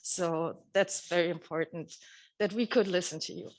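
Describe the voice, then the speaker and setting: A woman from Africa who lives in Germany, an audience member giving a hesitant, halting comment full of fillers. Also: lowish voice, fairly even intonation. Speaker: audience member asking a question.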